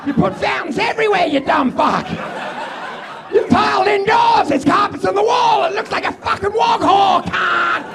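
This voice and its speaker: A man ranting and yelling through a stand-up bit. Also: extremely high pitch, moderate pace, creaky. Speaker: stand-up comedian. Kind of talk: stand-up set. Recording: loud crowd in a comedy venue.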